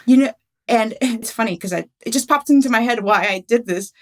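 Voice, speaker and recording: A woman's voice: a little high, a little fast. A woman in her fifties, a podcast host, who talks openly and laughs often while interviewing. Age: 50s. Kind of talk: casual interview talk.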